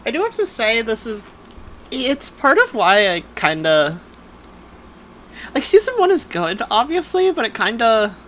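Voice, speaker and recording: A woman co-hosting a podcast, chatting casually with lots of fillers and quick asides. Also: a little high, huge pitch swings, a bit bright, a little hiss or hum. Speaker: podcast co-host. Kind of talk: casual chat.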